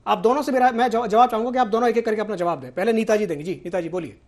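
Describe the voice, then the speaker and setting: Brisk male news anchor moderating. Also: high voice. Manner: brisk, interrupting to keep order. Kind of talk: moderating a televised debate.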